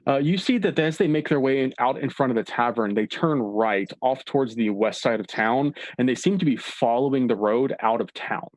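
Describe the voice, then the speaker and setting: A man's voice: mid-range voice, moderate pace, hardly any pauses, no echo. A man narrating a tabletop game as game master, easygoing and descriptive.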